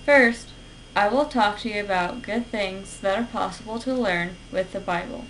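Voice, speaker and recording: Young woman, student, earnest and orderly in a persuasive class speech, mid pitch, camera across the room. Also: normal speed, fairly bright tone. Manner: earnest, structured delivery. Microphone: camera at a distance. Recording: distant camera with faint hiss.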